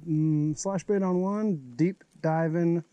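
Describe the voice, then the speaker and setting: A man's voice: a little high, slow pace, lo-fi sound, heavy background noise. A young man chatting casually and joking while fishing from a small boat on a lake, recorded on an action camera. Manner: laid-back, joking, swears freely. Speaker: fishing vlogger.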